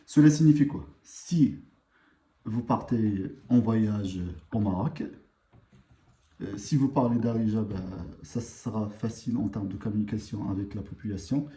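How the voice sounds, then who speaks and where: A man teaching a live online language lesson, unhurried and hesitant, with many pauses and fillers. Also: fairly low pitch, mellow, echoey room, a little hiss or hum.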